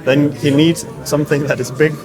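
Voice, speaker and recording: Over music, an interviewed acoustic engineer gives technical explanations in a somewhat high, flat voice at a slightly fast pace. The interview is casual, and he hesitates and repeats himself along the way.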